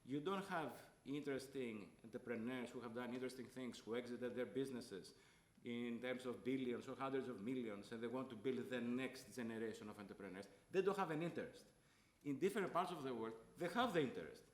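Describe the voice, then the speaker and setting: A man's voice: medium pitch, brisk, few pauses, reverberant. A man from Greece speaking as a panelist, earnest and repeating points for emphasis. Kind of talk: panel discussion.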